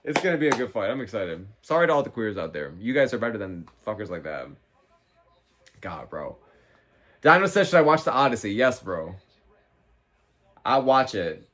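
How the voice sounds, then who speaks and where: A man's voice: on the low side, very animated, moderate pace, long pauses, a bit bright. A young man talking like a slangy, profane frat bro as he hosts a casual fight watch-along and answers chat. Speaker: livestream host.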